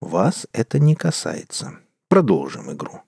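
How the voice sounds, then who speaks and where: A man's voice: low-pitched, wildly swooping pitch, unhurried, vocal fry, a little mellow, husky, no echo, clean studio sound, pitched below the performer's own voice, full character voice. A man voicing a cold, detached, mysterious woman in an audiobook. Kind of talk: audiobook character voice.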